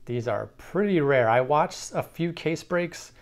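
A man hosting a casual card-collecting vlog, chatting in a relaxed way with fillers and restarts while he shows cards indoors. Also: on the high side, a little slow. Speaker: card collector, channel host.

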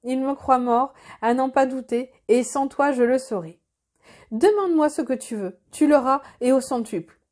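A woman's voice: high-pitched, moderate pace, darkish tone, natural voice. A woman reading aloud the lines of a humbled, noble young prince in a storybook, with solemn, formal speech. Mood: earnest.

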